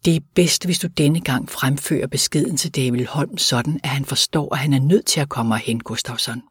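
A man voicing a young slum sister who fights back tears and then speaks firmly, with a husky voice. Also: mid-range voice, dry recording, studio quality, close to an everyday voice. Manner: tearful yet sharp. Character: young woman, grieving slum sister, firm.

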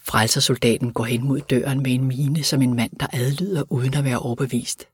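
A man narrating an audiobook in an even, measured reading. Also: medium pitch, breathy edge, dry recording. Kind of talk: scripted narration.

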